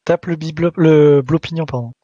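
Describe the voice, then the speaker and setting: A man's voice: fairly high pitch, steady tone, normal speed, mellow, dry recording, lo-fi sound. A man playing an online game, chatting casually with his teammates. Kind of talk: casual chat during team gaming. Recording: noisy voice chat with clicks.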